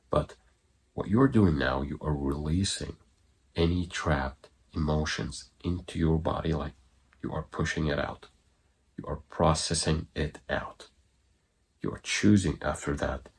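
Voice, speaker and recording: A man coaching viewers through an exercise in an informal, halting way, in short phrases. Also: a bass voice, breathy edge. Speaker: breathwork coach giving online guidance. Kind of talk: instructional talk to viewers.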